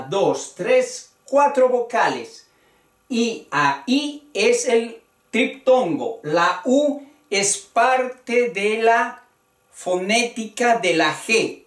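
A Spanish teacher giving a spoken grammar lesson, talking deliberately and counting out syllables one by one. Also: mid-range voice, recorded from a distance. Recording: echoey room, voice away from the mic.

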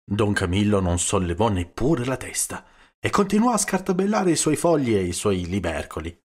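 Man, low voice, audiobook narration, steady and measured. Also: husky. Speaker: audiobook reader.

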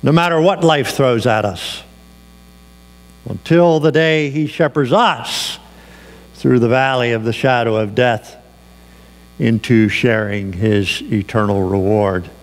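A male pastor preaches a sermon in a church sanctuary with long reverb, telling a personal story conversationally with fillers. His mid-range voice takes things slowly.

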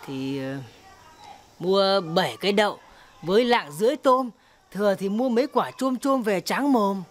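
Woman playing a brash loud-mouthed village wife. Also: medium pitch, lively intonation, normal speed, natural voice. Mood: scolding. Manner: scolding, earthy and blunt. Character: brash sharp-tongued Northern village woman, scolding and loud. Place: outdoor market street. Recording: outdoor street with crowd and traffic noise.

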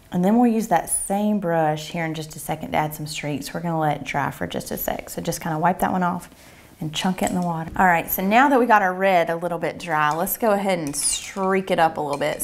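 Woman teaching a painting lesson. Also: lowish voice. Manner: relaxed, chatty, thinks aloud while painting. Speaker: painting instructor. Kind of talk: step-by-step painting tutorial. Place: home room with a painting easel.

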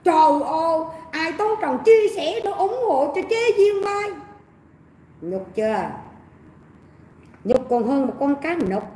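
Chatty high-voiced Southern Vietnamese woman host. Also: big pitch swings, slow pace, long pauses, dark tone, slight background noise. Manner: chatty, gossipy, mocking, addresses viewers as family. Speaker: livestream host. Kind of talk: casual livestream commentary. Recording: echoey room.

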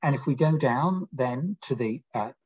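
A man giving a lecture, reading verse slowly and then explaining it with emphatic pitch jumps. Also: animated, a little mellow, husky, muffled recording. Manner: slow deliberate recitation of quoted verse.

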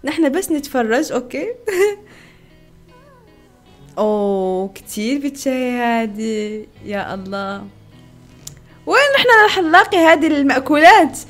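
Giggly young woman, high voice. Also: animated, a little slow, pauses often, a bit bright, soft background music. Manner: giggly, exclaims often, playful self-teasing. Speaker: YouTuber reacting to food videos. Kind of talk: casual reaction vlog.

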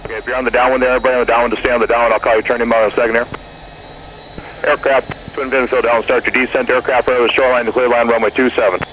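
A man in the airport tower works as an air traffic controller, sending rapid-fire, clipped and courteous instructions to a jet cockpit by radio. His mid-range voice has little pitch movement and a slightly bright edge. The audio is poor, with faint noise on the aviation radio.

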